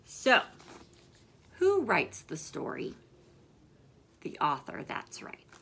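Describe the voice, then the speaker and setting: A woman's voice: on the low side, huge pitch swings, takes it slowly, vocal fry, bright, forceful tone, slightly rough. A woman hosting a children's story time, asking young listeners questions and praising their answers like a teacher.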